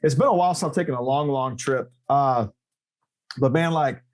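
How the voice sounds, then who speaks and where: A man, a podcast guest chatting casually, joking and telling stories with emphatic rises in pitch. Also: normal speed. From Texas. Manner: animated, joking storyteller with emphatic pitch jumps. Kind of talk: casual interview chat.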